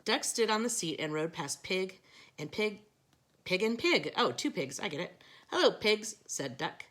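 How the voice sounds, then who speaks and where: A woman reading picture books aloud to children, with gentle, chatty asides to her young listeners. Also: lowish voice, expressive, moderate pace. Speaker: storytime reader.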